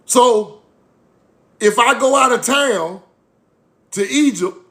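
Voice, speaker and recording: A man's voice: very high-pitched, expressive, slow pace, fairly bright tone. A young man from Mississippi, talking casually and emphatically to his chat audience with repeated catchphrases. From Mississippi, USA. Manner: repetitive catchphrases, preachy and emphatic. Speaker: online video host.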